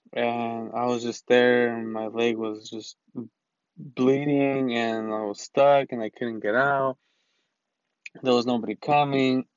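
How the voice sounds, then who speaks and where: A man's voice: mid-range voice, no room sound, dull audio. A young man telling a personal story in a casual, rambling way, with many restarts. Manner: rambling, loose, full of restarts.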